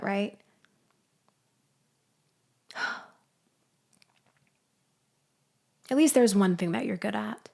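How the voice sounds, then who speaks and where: Scornful and gravelly, a woman with a mid-range voice plays a betrayed ex-girlfriend out for revenge, coolly taunting the person who framed her. The lightly acted, girlfriend-style ASMR roleplay monologue unfolds slowly and deliberately, condescending, with sighs and pauses.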